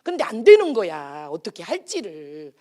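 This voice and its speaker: An emphatic woman pastor delivers a sermon at a moderate pace in a prayer retreat chapel, singing lines from hymns as she goes. She is animated throughout, alternating loud calls with quiet asides.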